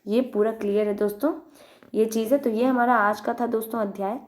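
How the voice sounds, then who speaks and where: A woman teaching an online grammar lesson, explaining patiently, repeating each word slowly and addressing viewers as friends. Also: fairly high pitch, steady tone, a little mellow.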